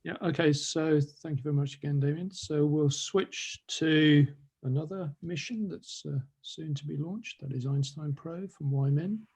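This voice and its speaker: A man with a husky, slightly raised voice chairs an online science meeting, heard through a video call. He keeps his remarks brief and matter-of-fact as he hands over to the next speaker. The sound comes from a computer microphone. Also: fairly high pitch, normal speed, a little mellow. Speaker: session chair. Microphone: computer mic on a video call.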